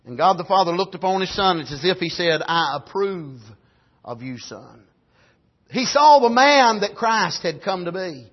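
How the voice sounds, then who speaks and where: A dull, lo-fi recording of a male preacher with an Appalachian accent. His voice is very high for a man and rough with huskiness. He delivers a folksy, storytelling sermon, circling back over his phrases. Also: lively intonation, moderate pace, hardly any pauses. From rural United States, grew up on a farm. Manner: punctuates phrases with "amen", repeats and restarts phrases for emphasis.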